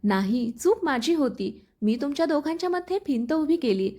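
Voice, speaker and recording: A woman's voice: high voice, animated, moderate pace. A woman doing a remorseful, tender mother. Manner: soft, consoling.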